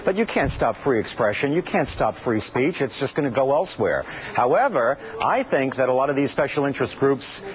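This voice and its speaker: A man appearing as a guest on a TV interview, explaining his points in a measured way. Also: mid-range voice, sing-song, muffled recording. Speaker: guest, trade magazine editor.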